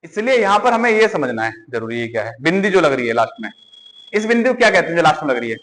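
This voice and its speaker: A man's voice: a little high, big pitch swings, fast, fairly bright tone. A man teaching a class, quizzing students and repeating the answers. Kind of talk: classroom lecture. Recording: hall reverb.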